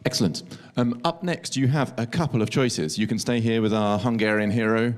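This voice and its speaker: A man's voice: mid-range voice, brisk. A man acting as session host, making informal announcements about upcoming speakers in short, hesitant phrases.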